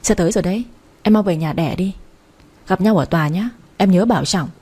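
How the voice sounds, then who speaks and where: A woman's voice: fairly low pitch, a little fast, warm tone, slightly rough. A woman reading the part of a stern, cold husband in a spoken story, with a firm manner. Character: stern husband, adult man.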